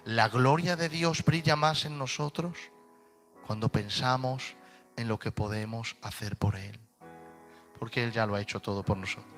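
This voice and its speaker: A man with a Spain Spanish accent preaching a sermon with passion, swinging between ringing proclamation and hushed, close delivery. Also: medium pitch, normal speed, faint music behind. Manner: impassioned, swings from shouted proclamation to hushed intimacy.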